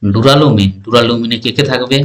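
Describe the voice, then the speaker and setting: A male teacher leads an exam-prep science lesson, repeating terms and constantly asking the listener whether they follow. His voice is mid-range and fairly bright in tone, and he speaks briskly.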